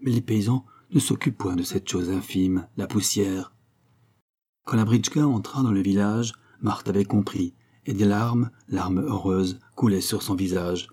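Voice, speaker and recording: A man reading a novel aloud in steady, measured scripted narration. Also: lowish voice, breathy edge. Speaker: audiobook reader.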